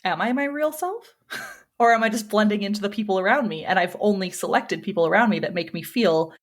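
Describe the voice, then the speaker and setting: A woman's voice: mid-range voice, steady tone, fast. Give me a woman podcast host in her thirties, talking casually and self-deprecatingly with her guests. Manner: chatty, self-deprecating, laughs often. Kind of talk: casual group conversation.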